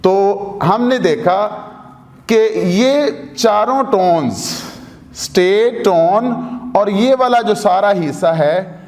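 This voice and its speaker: A man's voice: high voice, lively intonation, extremely slow, a little mellow. A man with a Pakistani Urdu accent teaching a language lesson, patiently explaining and repeating sounds to demonstrate them. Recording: echoey room with long reverb.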